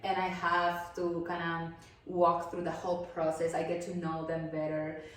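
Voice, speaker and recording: A woman's voice: fairly low pitch, monotone, normal speed, slight background noise. A woman from Peru speaking English, a guest in a casual interview, upbeat and friendly. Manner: upbeat, friendly, slightly non-native phrasing. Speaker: guest, event planner. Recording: echoey room, mic at a distance.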